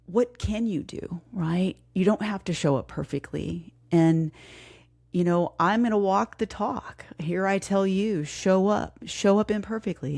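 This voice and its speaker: A middle-aged woman hosting her fitness podcast, talking candidly and emotionally, grieving and close to tears, with many pauses and restarts. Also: mid-range voice, a little mellow. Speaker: podcast host and fitness coach. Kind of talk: casual heartfelt podcast talk.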